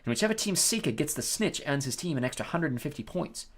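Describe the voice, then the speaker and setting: A reader voicing a weary, resigned teenage schoolboy who answers flatly and heavily. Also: medium pitch, quick pace, breathy edge. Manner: flat, heavy, resigned.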